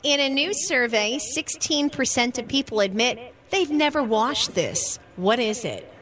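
High, bright-voiced American woman co-host. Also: expressive, measured pace. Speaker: morning radio co-host. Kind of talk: casual local radio chat.

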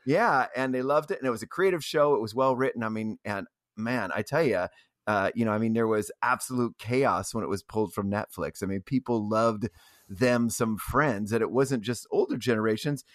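A man's voice: mid-range voice, normal speed, dry recording. Male panelist, jokey storyteller, dry recording. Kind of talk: casual chat.

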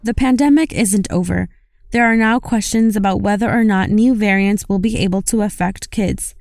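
A woman hosting a podcast, reading a scripted outro in a clear, measured way. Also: medium pitch, a little mellow. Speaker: podcast host. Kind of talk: scripted narration.

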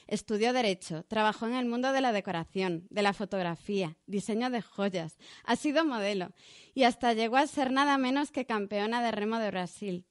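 A woman's voice: fairly high pitch, moderate pace, dry recording, studio quality. Woman podcast host, friendly. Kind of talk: casual podcast chat and guest introduction.

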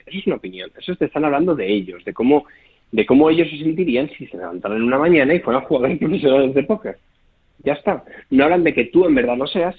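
Fast, husky man, poker coach type, keeps checking you follow; tinny phone-like sound. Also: mid-range voice. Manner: fast, explanatory, checks with listener. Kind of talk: podcast interview.

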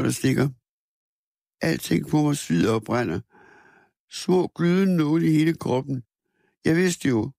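A man narrates a first-person story in a measured, somber reading voice. His tone sits a little high for a man and carries a gravelly, creaky texture. The sound is close and dry, with no room around it. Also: darkish tone, dry recording. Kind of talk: first-person literary narration read aloud.

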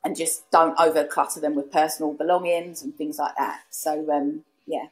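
A woman with a fairly low voice and a strong flavour of Essex in her accent. She talks as an interview guest in a casual, chatty way, circling back over phrases and quoting people as she tells her story. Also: fairly even intonation, moderate pace, rough recording. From East London and Essex, England. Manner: chatty, repeats herself, acts out quoted remarks. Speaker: podcast guest, serviced accommodation host. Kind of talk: casual anecdotal interview chat.

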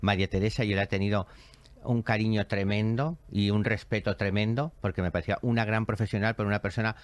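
Hombre expresivo narrando anécdotas con teatralidad. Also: male voice, fairly low pitch, quick pace, no echo. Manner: expressive, theatrical storyteller who acts out quoted voices. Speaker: show host, spiritual medium. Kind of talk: animated storytelling chat.

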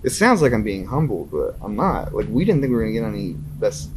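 A musician in his thirties talks through a casual interview with a lower-pitched voice that swings widely and animatedly. He tells his stories with frequent laughter and acts out his own excited reactions. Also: fast, background noise. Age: 30s. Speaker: musician guest.

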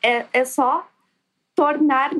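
A woman with a soft, near-whispering voice, chatting casually as a guest. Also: high voice, steady tone, drawn-out words, a little hiss or hum. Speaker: guest, architect. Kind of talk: casual chat.

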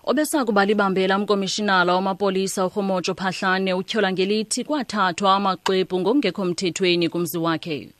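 A woman's voice: medium pitch, steady tone, fast, hardly any pauses, no room sound. A woman reading a scripted radio news bulletin.

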